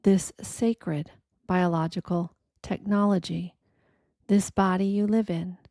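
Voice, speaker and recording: A woman gives a quiet, reflective scripted reading in a gentle, deliberate manner, leaving pauses between short phrases. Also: fairly low pitch, steady tone, no echo, clean studio sound. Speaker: narrator of a reflective spiritual reading.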